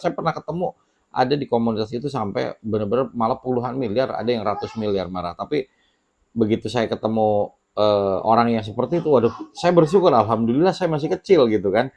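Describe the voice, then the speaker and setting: A man talking casually to camera in a small home studio, giving relaxed, unhurried advice with many fillers and pauses. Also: medium pitch, muffled recording. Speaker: channel host sharing debt advice. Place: small home studio with children heard nearby.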